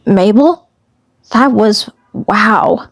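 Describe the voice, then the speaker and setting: A woman voicing a smitten, flustered little male alien commander in an amateur fandub, halting and repeating phrases. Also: medium pitch. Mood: awestruck.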